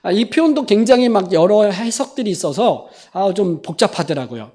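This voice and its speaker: A woman's voice: medium pitch, lively intonation, moderate pace, mellow. A woman pastor giving a sermon, retelling a story in a conversational way with frequent questions to the congregation. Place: church sanctuary.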